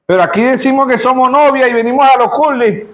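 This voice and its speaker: A man's voice: very high-pitched, fast talker, lo-fi sound. A male pastor with a Zulia Venezuelan accent preaching a sermon in church, often asking the congregation to answer him. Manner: rhetorical call-and-response, keeps asking the congregation "yes or no".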